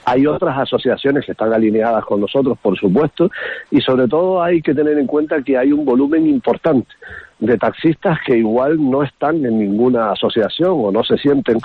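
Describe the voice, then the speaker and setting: A man with a Canarian accent argues his case as a taxi association spokesman, calling in to a radio show. His voice is husky and mid-pitched, and it comes through a thin, phone-like line with no room sound. He talks emphatically and often stumbles and restarts. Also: moderate pace, no room sound. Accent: Canarian Spanish.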